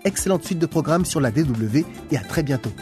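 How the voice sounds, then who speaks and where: A man hosting a radio magazine, reading a scripted news narration in a measured, formal way. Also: a little high, expressive, loud music behind the voice.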